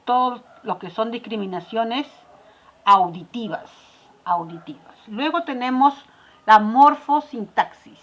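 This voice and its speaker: A woman's voice: mid-range voice, a bit bright, highs cut off. A woman teaching a lesson, explaining step by step and answering her own questions, with frequent tag questions and fillers. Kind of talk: lecture on language development.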